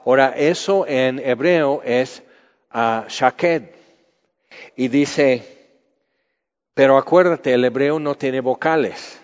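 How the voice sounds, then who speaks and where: A man's voice: mid-range voice, slow pace, pauses often. A man preaching a Bible teaching, conversational, asking his listeners questions. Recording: muffled sound with long hall reverb.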